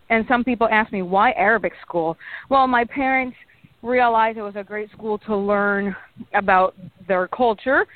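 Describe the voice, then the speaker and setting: A Panamanian woman in her thirties, a native Spanish speaker with a Panamanian Spanish accent, is a meteorologist appearing as a guest in a radio interview. Her medium-pitched voice is friendly, chatty and bubbly, with phone-quality sound and no echo.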